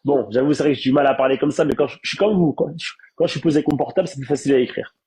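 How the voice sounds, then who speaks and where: A young man who hosts a live stream and has been on a reality show chats casually with a congested, blocked-nose voice. He repeatedly and emphatically justifies himself with rhetorical questions. His medium-pitched voice is rapid-fire, darkish, and breathy-edged.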